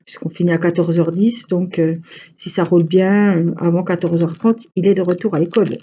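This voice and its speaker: A woman's voice: on the low side, fairly even intonation, brisk, warm tone, breathy edge, muffled recording. A woman with a Franche-Comté French accent, chatting casually and rambling to her viewers as a crochet vlogger.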